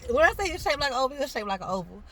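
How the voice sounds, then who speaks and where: A young woman casually telling a personal story to an interviewer, animated and acting out the voices of the people in it. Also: sits high, racing, slight background noise. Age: young adult. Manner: animated, acts out quoted voices, laughs often. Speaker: guest telling her story.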